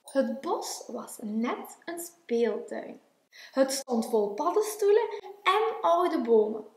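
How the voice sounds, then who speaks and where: A woman teacher reading a picture book aloud in an expressive, sing-song way. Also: high voice, takes it slowly. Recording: echoey room.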